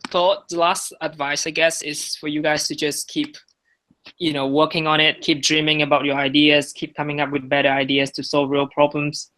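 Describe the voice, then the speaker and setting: This young man, a native Vietnamese speaker, gives a class talk on his project followed by questions. His fairly high voice has a sharp tone, little pitch variation and a normal speed. His delivery is hesitant, full of fillers and restarts.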